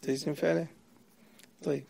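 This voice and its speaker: A man's voice: a little high, flat delivery, brisk, vocal fry, a little mellow, husky. A man explaining a grammar poem to a student, quizzing and correcting him as he goes. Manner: asks the student questions and corrects answers. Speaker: sheikh teaching Arabic grammar.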